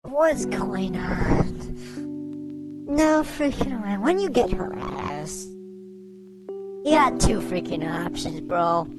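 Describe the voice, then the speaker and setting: A woman's voice: mid-range voice, expressive, very slow, pauses often, over loud music, low-quality recording. A woman speaking through a voice changer, giving blunt, exasperated, slangy reaction commentary as a host.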